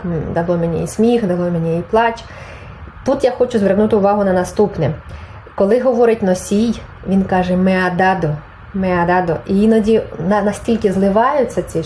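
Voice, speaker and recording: Mellow-voiced woman teaching a language. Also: mid-range voice, slight background noise, rough recording. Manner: explains patiently, reads Spanish examples aloud and translates them. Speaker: Spanish teacher. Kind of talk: online language lesson.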